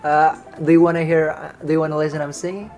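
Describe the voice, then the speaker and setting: This Indonesian host's voice is slightly high, fast, a little mellow, and flat in delivery, with soft music behind him. He sings to strangers on video calls, chatting casually, teasing them, and laughing at his own jokes.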